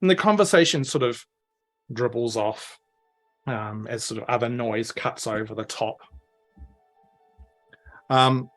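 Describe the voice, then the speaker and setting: A man's voice: mid-range voice, measured pace, long pauses, a bit bright, soft background music. Brief: young guy, game master, loose rambling narration. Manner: rambling, many fillers, chuckling.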